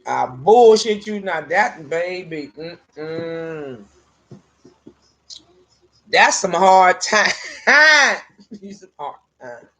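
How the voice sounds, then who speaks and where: A woman's voice: on the low side, extremely slow, pauses often. A woman casually telling a personal story, profane and laughing often between lines. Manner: animated, with vernacular grammar.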